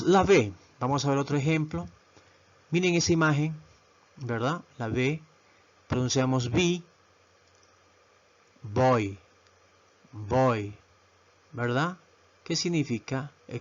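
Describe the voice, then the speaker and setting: A man teaching a video lesson who talks slowly and patiently, repeating words and often checking in with his listeners. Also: medium pitch, lo-fi sound. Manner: slow, repetitive, asks "¿verdad?" often. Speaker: English teacher.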